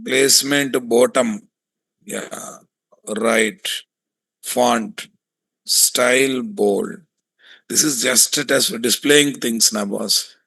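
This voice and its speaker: A man with a Telugu Indian accent giving a hands-on software tutorial, thinking aloud, repeating himself and often putting questions to his students. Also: mid-range voice, fairly even intonation, very slow, gravelly, long pauses, no room sound, poor audio. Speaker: software testing instructor.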